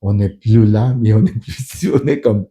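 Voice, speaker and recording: This middle-aged union leader and pastor speaks French as a second language, earnestly sharing his story in a documentary interview. His fairly low, mellow voice moves at a measured pace, with hesitant restarts and repeated words.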